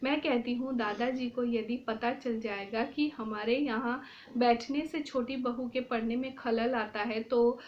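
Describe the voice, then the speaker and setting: A woman's voice: fairly high pitch, steady tone, unhurried, a little hiss or hum. A woman teacher explaining a play line by line, with many filler sounds. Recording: dull lo-fi recording.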